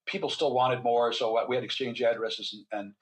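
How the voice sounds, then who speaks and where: With a mid-range voice and fairly even intonation, an older physician and author talks a little fast as a podcast guest. He's a chatty storyteller given to wry asides and frequent restarts in this casual interview.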